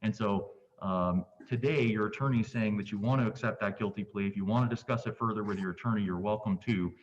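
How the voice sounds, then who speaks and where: A man presiding as judge over a virtual court hearing, speaking in a measured, polite, procedural way. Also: lowish voice. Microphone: video call. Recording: muffled distant video call audio.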